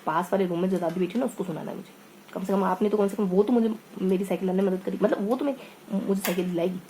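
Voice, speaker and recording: A woman's voice: mid-range voice, racing, mellow, slight background noise, lightly acted, rough recording. A woman doing a stubborn little boy. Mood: insistent. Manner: insistent, whiny demands. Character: stubborn young boy demanding a bicycle.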